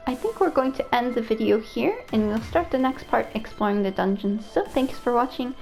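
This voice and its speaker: A woman's voice: fairly high pitch, moderate pace, creaky, darkish tone, soft background music. A woman hosting a video game playthrough, chatting casually through her play with giggly asides. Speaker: let's play host. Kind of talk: gameplay commentary.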